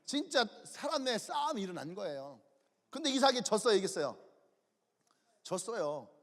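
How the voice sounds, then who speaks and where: A male pastor preaching an animated sermon, telling the story with shouted character voices and chuckles. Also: high-pitched, moderate pace. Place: church sanctuary. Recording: long church hall reverb.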